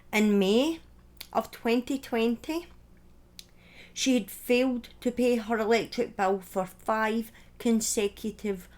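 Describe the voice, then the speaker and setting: With a fairly high-pitched voice, a woman tells a true-crime story in a conversational, partly scripted style, adding informal asides and opinions while her phrasing comes out halting.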